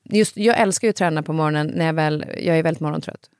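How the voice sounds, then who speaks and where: Female host, lowish voice, casual lively storytelling, dry close mic. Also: clean tone, no echo. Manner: lively storyteller, animated when quoting others. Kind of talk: casual conversation.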